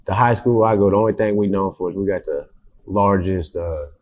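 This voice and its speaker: A man's voice: low-pitched, fairly quick, darkish tone. A young man from Indiana, a rapper, talking casually in an interview with a laid-back, rambling manner and lots of fillers. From Indiana, USA. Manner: laid-back, repeats words, many fillers.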